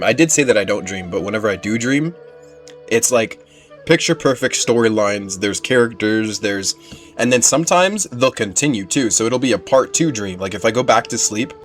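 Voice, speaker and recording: A lowish, fairly bright male voice reacts to a game he's playing, his commentary relaxed, slang-heavy and candid. Game music fills the background.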